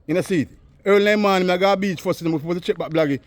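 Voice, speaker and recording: A man's voice: high voice, racing, no room sound. A Jamaican man vlogging, chatting in repetitive patois banter and calling out to someone from a distance. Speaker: vlogger interviewing a local. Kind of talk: casual street chat.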